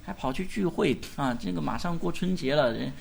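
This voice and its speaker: A male pastor preaching at a church gathering, firing rhetorical questions at his listeners and urging them to answer out loud. His voice is a little high and swings up and down widely, in an animated, pressing delivery. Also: brisk, creaky, slight background noise. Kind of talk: sermon.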